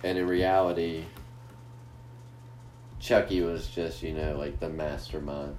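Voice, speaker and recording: A man's voice: extremely low pitch, fairly even intonation, a little slow, a little mellow. A man hosting a casual podcast, rambling crudely and swearing a lot. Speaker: podcast host. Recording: echoey room with faint noise.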